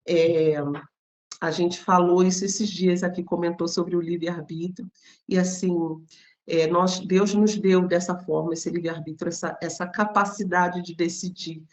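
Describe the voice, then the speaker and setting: A woman's voice: on the low side, a little mellow, muffled recording. Brazilian woman giving a chatty Bible talk. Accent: Brazilian Portuguese. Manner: conversational, addresses listeners directly, explains with everyday examples. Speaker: Bible teacher. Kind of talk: informal devotional Bible talk.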